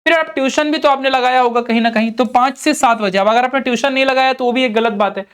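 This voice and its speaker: Smooth-voiced young Indian man coaching students. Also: very high-pitched, fast, a bit bright. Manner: earnest, coaxing, speaks straight to students. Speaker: online teacher for board exam students. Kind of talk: motivational study advice talk.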